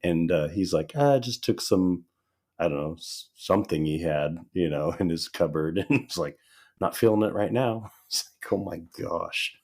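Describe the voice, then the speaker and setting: A very low-pitched man chatting casually as a podcast co-host. His voice sounds slightly hoarse and dry, as if it is still recovering. He tells stories in a relaxed way and laughs often. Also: normal speed. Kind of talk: casual chat.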